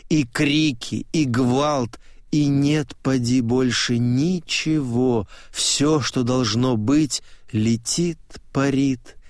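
A man reading a literary novel aloud in calm, measured audiobook narration. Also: medium pitch, no echo, studio quality. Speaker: audiobook reader.

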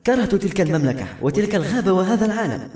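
A man's voice: sits high, expressive, racing, warm tone, pitched above the performer's own voice. A man voicing a frightened, tearful young woman who sobs as she speaks, in an audiobook. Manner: sobbing, hysterical. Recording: echoey room, faint music.

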